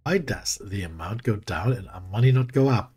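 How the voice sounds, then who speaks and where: Deep-voiced German-accented gaming host. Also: male voice, lively intonation, normal speed, a little mellow, husky. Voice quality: very deep, soothing voice. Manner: rambling, self-correcting, chuckles to himself. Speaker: let's play host. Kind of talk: casual gameplay commentary. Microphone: desk mic with equalizer.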